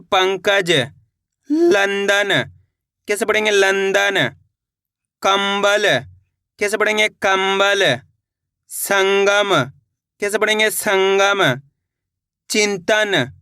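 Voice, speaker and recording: A man's high-pitched, sharp yet smooth voice comes through a clean, echo-free studio recording, delivered flatly and slowly with long pauses. Treating his viewers as friends and encouraging them, he runs a slow spelled-out Hindi reading lesson, pronouncing each word syllable by syllable before repeating it.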